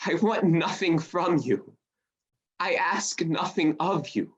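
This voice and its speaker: An actor playing a warm-hearted, earnest young gentleman, a cheerful nephew, with hearty declamation in a radio play. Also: mid-range voice, slow, lo-fi sound, lightly acted. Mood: hearty, resolute.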